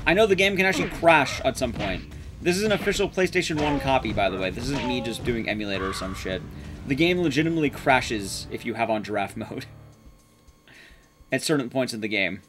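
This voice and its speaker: This streamer and speedrunner, a man in his thirties, talks briskly and expressively at medium pitch while music plays behind him. Casual and joking, with some mild swearing, he comments on a game live and chats with viewers from a small indoor room at home.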